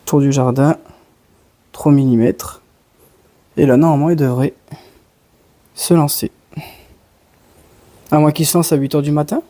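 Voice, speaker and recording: A man's voice: fairly high pitch, steady tone, a little slow, long pauses, warm tone, dry recording. A man from France giving a casual, enthusiastic product demo in his garden, full of slang. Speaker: home and garden vlogger. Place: outdoors in a garden.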